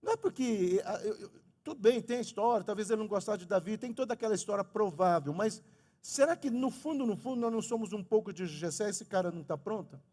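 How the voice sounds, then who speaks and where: A middle-aged man preaching a lively sermon as pastor in a church, speaking to the congregation. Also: high voice, fast talker. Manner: animated preaching, talks of his own stutter. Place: church sanctuary. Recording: long reverb of a church hall.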